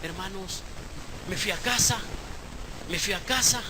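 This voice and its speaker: A man preaching a sermon as pastor, moving from hushed storytelling to shouted exhortation. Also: high voice, measured pace, background noise. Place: church service, live stream.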